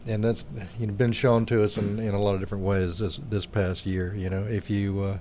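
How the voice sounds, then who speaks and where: A man co-hosting a casual podcast, talking reflectively with many pauses and fillers. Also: lowish voice, little pitch movement, warm tone, a little hiss or hum. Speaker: podcast co-host.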